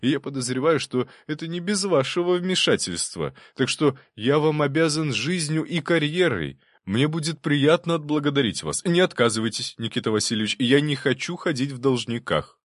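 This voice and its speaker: A man voicing a flustered, excitable middle-aged prince, lifting his voice higher and drawing out bewildered phrases. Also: moderate pace, hardly any pauses, dry recording, studio quality. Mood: eager.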